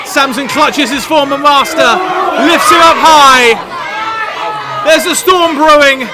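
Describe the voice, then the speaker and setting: A man giving excited, dramatic play-by-play wrestling commentary with emphatic calls of the action. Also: very high-pitched, slow pace. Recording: loud crowd and venue noise. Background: loud live crowd.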